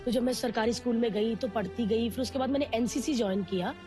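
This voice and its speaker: A woman with a fairly high voice tells a candid personal story. She talks in an animated way and slips into the voices of people she quotes. Faint music plays under her voice. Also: fast talker. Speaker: guest.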